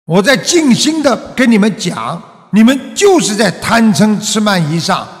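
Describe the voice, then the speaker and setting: Male Buddhist preacher, slightly high voice with a lively, swinging delivery, rhetorical questions. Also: long reverb tail. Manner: rhetorical questions, frequent drawn-out "ah" particles. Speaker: Buddhist master. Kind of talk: Buddhist sermon.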